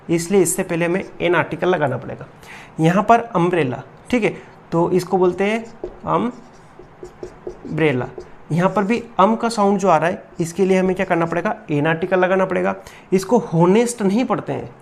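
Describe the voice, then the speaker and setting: A woman's voice: medium pitch, a little mellow. A woman teacher giving a classroom grammar lesson. She patiently repeats each rule, keeps asking rhetorical questions, and calls her students "beta".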